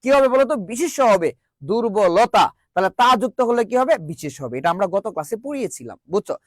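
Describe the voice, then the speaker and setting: Very animated, a male teacher leads grammar drills in a virtual classroom, his voice high and fast. Each question gets repeated before he answers it himself in call-and-response fashion, and the recording is dry and close with no echo from the room.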